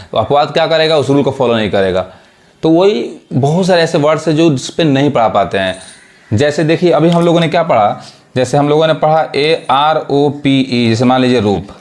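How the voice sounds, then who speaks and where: Higher-voiced man teaching a lesson. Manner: repeats check questions, spells words letter by letter. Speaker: English teacher. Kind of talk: spoken classroom lesson.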